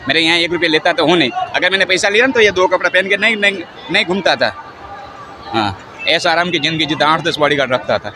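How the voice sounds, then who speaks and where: A man's voice: a little high, expressive, fast talker. A man from Gujarat, a faith healer, answering interview questions in a blunt, rambling, defiant way at an outdoor camp. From Gujarat, India. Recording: noisy outdoor field recording.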